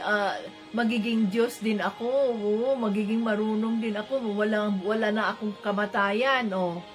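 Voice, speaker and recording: A woman's voice: high-pitched, pushed and bright. A woman giving a casual Bible teaching, repeating phrases soothingly and mixing in English. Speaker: Bible study preacher.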